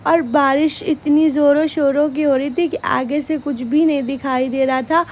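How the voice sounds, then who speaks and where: Young female vlogger, bright high voice, casual chatty narration. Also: steady tone, normal speed. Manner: chatty, addresses viewers as guys.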